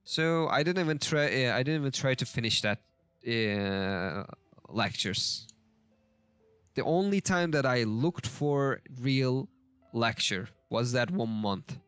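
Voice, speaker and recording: Guy going thru a lesson out loud, slow and halting, keeps fixing himself, mid pitch. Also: lively intonation, smooth, no room sound. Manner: halting, self-correcting, thinking aloud. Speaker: language learner teaching a lesson. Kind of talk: casual screen-share lesson commentary.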